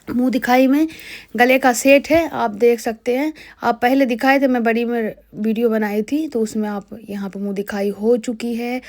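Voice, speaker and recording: A young woman from Bihar narrates her vlog in a slightly high voice. She talks to her viewers in a casual, chatty way, explaining each step as it happens. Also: darkish tone. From Bihar, India. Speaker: vlogger.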